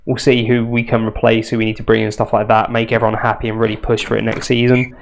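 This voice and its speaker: This young YouTuber talks fast in a lowish, creaky monotone, his voice nasal and congested from a cold. He gives casual let's-play commentary on a football management game, staying chatty and self-deprecating with dry little asides.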